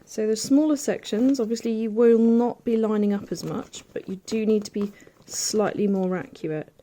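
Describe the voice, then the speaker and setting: A woman giving a casual hands-on sewing demonstration, chatty and thinking aloud as she pins fabric, with soft asides. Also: medium pitch, steady tone, normal speed. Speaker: quilting tutor.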